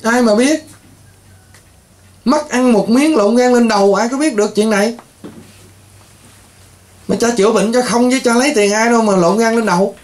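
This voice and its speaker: High-voiced scolding priest. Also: male voice, normal speed, pauses often. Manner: scolding, rambling, exclaims often. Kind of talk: scolding talk to patients.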